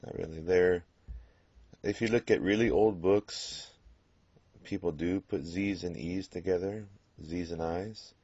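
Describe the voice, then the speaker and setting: A man teaching a Spanish grammar lesson, explaining patiently and pausing on fillers as he works through examples. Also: low voice, fairly even intonation, darkish tone, no room sound. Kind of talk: classroom grammar lecture. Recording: dull lo-fi classroom recording.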